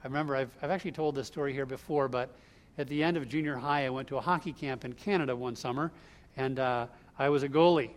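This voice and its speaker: A man with a medium-pitched voice speaks quickly as he preaches an expository sermon, going through scripture line by line in a conversational way. He was raised in the northeastern United States.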